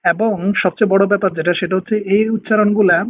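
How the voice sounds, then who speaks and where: High-voiced man teaching a lesson, lo-fi. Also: steady tone, a bit bright. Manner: patient, explains slowly, drags out example words. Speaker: language teacher. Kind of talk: online language lesson. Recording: dull lo-fi sound with faint noise.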